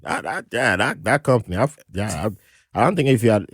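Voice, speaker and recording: Male podcast host, animated storyteller, dry studio sound. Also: on the low side, brisk, husky, dry recording. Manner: animated storyteller, laughs often, acts out quoted voices. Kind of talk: casual interview chat.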